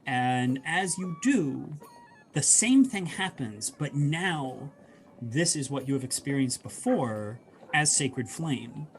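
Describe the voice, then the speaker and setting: A man narrating a tabletop game as game master, soft-spoken and hesitant, with many fillers. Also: mid-range voice, animated, slow pace, slight background noise.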